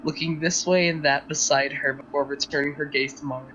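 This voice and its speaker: A woman's voice: low-pitched, steady tone, fairly quick, fairly bright tone, slight background noise, low-quality recording. A woman playing a tabletop game, narrating her character's actions, a little hesitant. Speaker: player.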